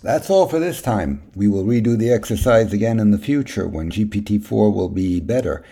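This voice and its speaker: A man hosting a podcast, reading his questions and closing notes in a plain, unhurried way. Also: fairly low pitch, lively intonation, creaky, mellow, slightly rough. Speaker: podcast host. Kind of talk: podcast interview and outro.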